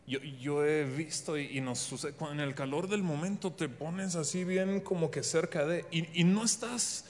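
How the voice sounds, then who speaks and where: A man's voice: a little high, normal speed. A man giving a live talk on marriage, offering joking, conversational advice to the audience. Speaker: speaker on marriage, husband. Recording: reverberant hall, faint background noise.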